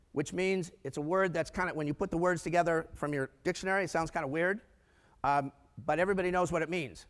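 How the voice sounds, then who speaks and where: With a fairly high pitch, an older American man gives an energetic keynote on business finance at a conference. Rhetorical questions and humorous asides fill his talk, which reverberates through a large conference room.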